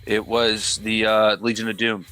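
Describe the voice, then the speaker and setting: A man co-hosts a casual gaming stream in a low voice with a bright, forceful edge. He reads out game stats and cracks jokes at the host. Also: little pitch movement, clear, resonant tone, faint music behind, poor audio. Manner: quick and joking, reading out game stats. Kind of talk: casual live-stream chat.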